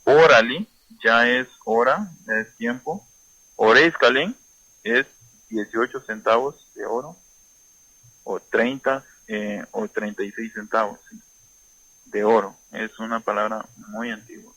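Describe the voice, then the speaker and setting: A man teaching a vocabulary lesson, saying each word slowly and repeating it for pronunciation drill. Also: medium pitch, bright, forceful tone, no echo, rough recording. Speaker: language teacher.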